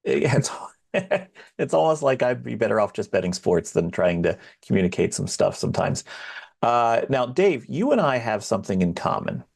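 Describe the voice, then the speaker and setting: A man co-hosting a podcast, chatting casually with a relaxed, teasing, deliberate manner. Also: mid-range voice, gravelly. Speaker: podcast co-host. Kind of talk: casual interview chat.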